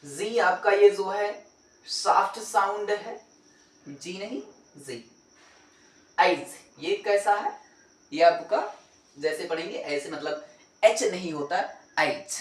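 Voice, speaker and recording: A man leads a pronunciation lesson at a slow, deliberate pace. He asks his own questions, answers them, and repeats each sound several times. His voice carries a roomy echo from a mic set well away from him. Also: sits high, recorded from a distance. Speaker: English teacher. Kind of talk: classroom-style pronunciation lesson.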